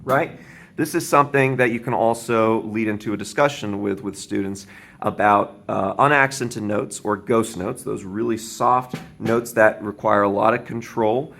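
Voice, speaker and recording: Gravelly-voiced male drum teacher. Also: on the low side, normal speed, faint music behind. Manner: counting beats aloud, explains calmly with frequent "right?". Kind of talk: instructional demonstration. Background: drum kit playing.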